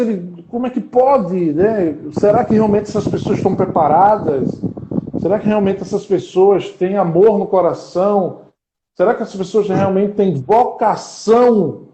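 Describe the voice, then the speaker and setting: High-voiced man, rhetorical and earnest. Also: dark tone, roomy sound, dull audio. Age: 40s. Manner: earnest, asks rhetorical questions. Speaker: interviewer and podcast host. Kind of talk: live-streamed interview.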